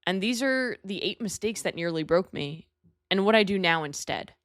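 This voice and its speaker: A woman's voice: mid-range voice, expressive, moderate pace, no echo, clean studio sound. A woman in her thirties from New York, hosting her own podcast in a candid, chatty way with casual fillers. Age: 30s. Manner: candid, chatty, self-deprecating with frequent "like" fillers. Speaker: podcast host. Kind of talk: solo podcast talk.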